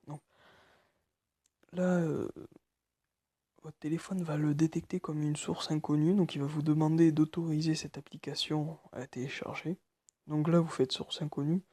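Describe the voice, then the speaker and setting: A nervous man walking through a phone tutorial, speaking quietly and haltingly with many fillers. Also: a little high, breathy edge, no room sound. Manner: speaking quietly late at night. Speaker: tutorial maker. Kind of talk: screen-recorded phone tutorial.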